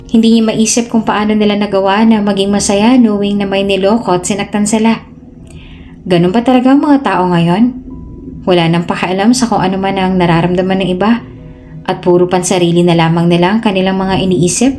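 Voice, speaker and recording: A woman storyteller narrating a dramatic tale in steady scripted narration. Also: mid-range voice, fairly quick. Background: soft background music.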